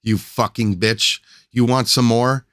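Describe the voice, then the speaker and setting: A man voicing a violent drunken husband who yells and taunts, then snarls through gritted teeth. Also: low voice, moderate pace, no room sound, clean studio sound, lightly acted. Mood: drunken rage.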